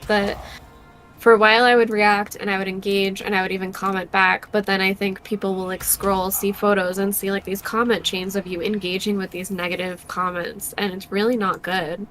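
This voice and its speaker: Chatty bright-voiced young woman. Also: mid-range voice, a little hiss or hum. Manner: chatty, many fillers, laughs often. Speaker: co-host streaming a board game. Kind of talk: casual chat while playing.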